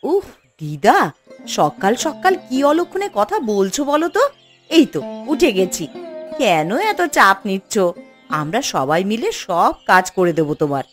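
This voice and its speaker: A woman's voice: medium pitch, sing-song, unhurried. A woman voicing a caring, coaxing eldest granddaughter in a cartoon, pleading with her grandmother and rousing her sisters. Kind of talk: animated cartoon voice acting. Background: faint music.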